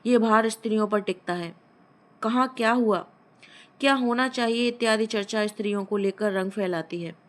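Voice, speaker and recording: A woman storyteller reads a short story aloud. Her narration is measured and expressive. Her voice sits at an ordinary middle pitch, neither high nor low. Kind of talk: story reading.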